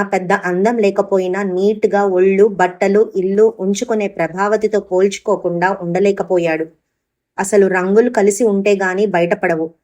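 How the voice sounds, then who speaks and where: తెలుగు కథ చెప్పే మహిళ. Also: female voice, medium pitch. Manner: expressive storytelling. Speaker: storyteller. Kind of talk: audio story narration.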